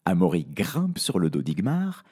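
A man narrating a children's audio story in a playful, expressive way. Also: low-pitched, unhurried, husky.

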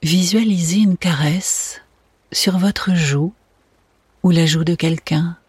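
A meditation guide speaking in a soft, soothing, breathy spa whisper, gently narrating a relaxation exercise. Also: medium pitch, fairly even intonation, slow pace, no room sound. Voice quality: breathy, hushed.

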